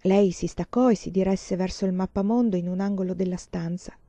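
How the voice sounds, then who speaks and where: A woman reading a novel aloud in a calm, measured storytelling voice. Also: on the low side, dry recording. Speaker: reader. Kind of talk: storybook narration.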